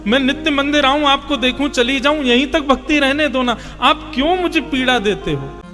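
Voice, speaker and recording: A woman's voice: high voice, lively intonation, moderate pace, long reverb tail, music in the background, pitched above the performer's own voice. A pleading devoted woman, voiced by a storyteller. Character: devoted woman longing for her god. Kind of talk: storytelling in character.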